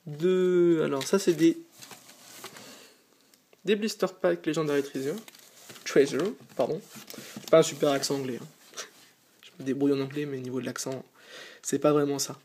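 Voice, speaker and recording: A man's voice: fairly high pitch, fairly even intonation, normal speed, pauses often, a little mellow. Tired guy unboxing stuff on his couch, eager and chatty, lots of ums, faint hiss behind. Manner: eager, chatty, frequent hesitations. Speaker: channel host. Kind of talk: casual unboxing vlog. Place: on a small sofa indoors.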